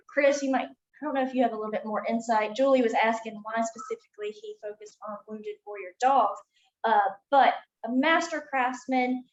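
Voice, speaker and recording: Woman host, highish voice, roomy muffled sound, chatty introductions. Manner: chatty, with frequent ums. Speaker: museum event host. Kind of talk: friendly welcome and introduction. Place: museum room.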